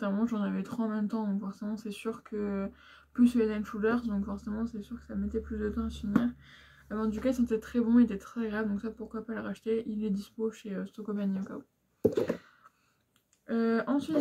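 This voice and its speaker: A woman's voice: mid-range voice, vocal fry, warm tone, slight background noise. A young woman frankly chatting through beauty products she has used up, with lots of fillers and asides. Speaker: beauty vlogger. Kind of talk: casual product review chat.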